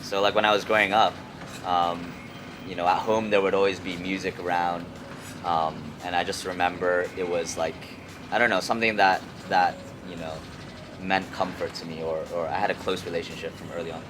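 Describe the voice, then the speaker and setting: This is a young Hong Kong musician being interviewed for a casual chat on a noisy city rooftop, where traffic comes through clearly. He has a deep voice with fairly even intonation and talks in a stop-start, slangy way, repeating words and leaning on "like" and "you know."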